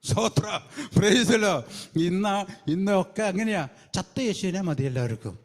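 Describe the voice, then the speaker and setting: Fervent high-voiced male preacher. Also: animated, normal speed. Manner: fervent, peppered with hallelujah and praise the Lord. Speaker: evangelist preacher. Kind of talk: sermon.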